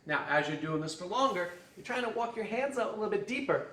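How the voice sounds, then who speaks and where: A man's voice: high-pitched, lively intonation, fast, sharp tone, echoey room, far from the mic. A man as fitness coach, leading a guided stretching class with jokes and countdowns. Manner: joking, upbeat instruction with counting. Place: fitness studio.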